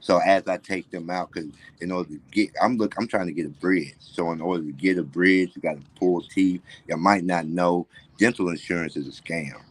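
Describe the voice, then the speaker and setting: A man's voice: low voice, steady tone, normal speed, no room sound. A man, middle-aged, with toothless, slightly slurred speech, telling personal stories candidly and casually as a livestream guest. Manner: candid, conversational.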